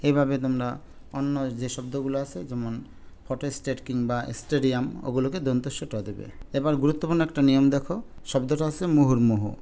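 A man teaching a spelling lesson to exam students, explaining slowly and repeating each spelling step. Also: mid-range voice, steady tone, dark tone.

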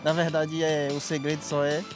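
A man's voice: fairly high pitch, monotone, normal speed, over music. A man with a Brazilian accent chatting casually as an interviewed prize winner. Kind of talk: casual chat.

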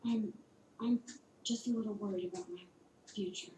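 An anxious, introspective teenage girl from a video game, acted by a woman. Her voice is mellow and understated. The sound is roomy with faint noise. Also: medium pitch, fairly even intonation, normal speed, lightly acted. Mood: uneasy, evasive.

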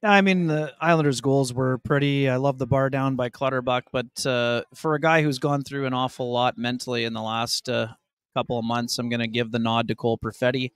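A middle-aged man, giving measured hockey opinions on a podcast video call. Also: medium pitch, fairly even intonation, clear, resonant tone, no room sound, studio quality. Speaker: hockey reporter co-host. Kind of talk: casual sports chat.

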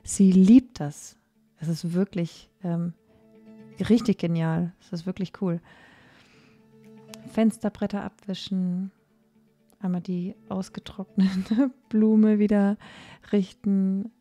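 Mellow-voiced woman chatting over music. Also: medium pitch, fairly even intonation. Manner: chatty, with many fillers and pauses. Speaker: cleaning vlogger. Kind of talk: casual voice-over narration.

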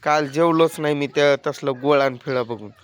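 A man's voice: a little high, fairly quick, a little hiss or hum. A man performing a comic village-family skit, nagging and scolding in an exasperated way. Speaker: comic vlogger.

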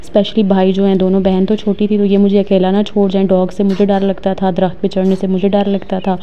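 A woman's voice: mid-range voice, completely flat delivery, a little fast, warm tone, dull audio. A woman in her thirties from Pakistan, chatting casually and reminiscing while vlogging outdoors in a mountain village, recording on a phone at arm's length. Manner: chatty, reminiscing, many fillers. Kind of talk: casual walking vlog narration. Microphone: phone held at arm's length.

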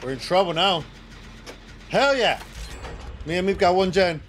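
A man streaming a game, chatting casually with viewers and teammates and bursting into loud exclamations and cursing. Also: sits high, expressive, unhurried, a little hiss or hum. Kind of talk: casual live gaming commentary.

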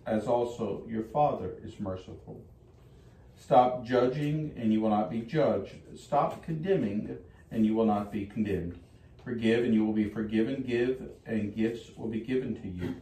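A man, a priest, reading the Gospel and giving a homily at Mass in a measured, deliberate way, his voice ringing with cathedral echo. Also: medium pitch, dark tone. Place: large church. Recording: echoey church, mic far off, faint hiss.

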